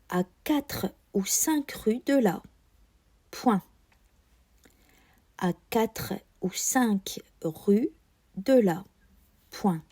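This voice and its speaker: A woman dictating as a teacher, enunciating each phrase carefully and deliberately. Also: mid-range voice, dark tone, breathy edge. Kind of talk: dictating slowly, repeating phrases and speaking punctuation aloud.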